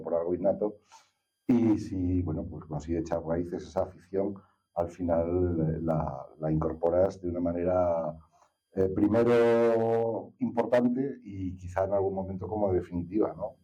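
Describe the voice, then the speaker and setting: A middle-aged or older man from Castilla-La Mancha, with a Spanish accent, talks as an interview guest in a reflective, hesitant, digressive way. His voice is deep, mellow and husky, and the sound is slightly dull and lo-fi.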